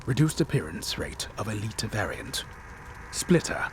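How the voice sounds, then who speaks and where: A man's voice: fairly low pitch, big pitch swings, unhurried, noisy background. A man giving a hammy, theatrical stage-actor reading of game patch notes.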